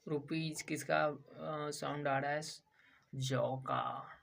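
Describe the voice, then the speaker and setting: A man's voice: fairly high pitch, fairly even intonation, extremely slow, vocal fry, fairly bright tone. A man from India teaching a language lesson. He spells out words letter by letter, repeats each one, and asks questions that he answers himself. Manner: repetitive drilling of each word. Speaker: English teacher.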